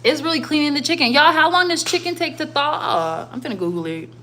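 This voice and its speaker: This livestream host's voice is high-pitched, expressive, a bit bright, and a little fast. She's a young woman from Arizona and Las Vegas in the southwestern US, chatting casually at home and rambling along in slangy talk.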